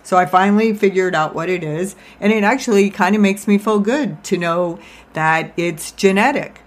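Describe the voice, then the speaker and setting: A woman's voice: mid-range voice, moderate pace. A woman life coach giving an informal, confessional personal monologue, talking out of one side of her mouth with a self-deprecating manner. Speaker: life coach and podcast host.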